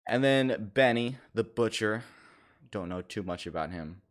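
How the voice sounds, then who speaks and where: A man's voice: fairly low pitch, lively intonation, unhurried. A young man hosting a podcast, giving a casual, rambling album review with frequent fillers and self-corrections.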